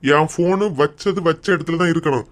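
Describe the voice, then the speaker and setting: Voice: medium pitch, fairly quick, natural voice. An actor voicing a stern middle-aged father with a Kanyakumari Tamil accent, scolding his daughters in a cartoon comedy. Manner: scolding, threatening, then gently coaxing.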